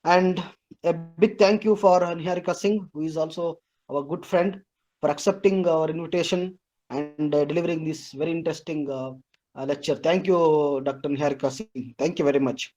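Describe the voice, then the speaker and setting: A man, a professor giving a formal, halting vote of thanks over a video call. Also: fairly high pitch, steady tone, a little mellow, faint music behind, rough recording. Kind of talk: formal webinar speech.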